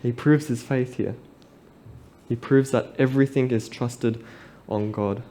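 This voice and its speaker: A man preaching a sermon at a pulpit microphone, reading scripture aloud and reflecting on it in a measured, earnest way. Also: mid-range voice, fairly even intonation, warm tone, a little hiss or hum.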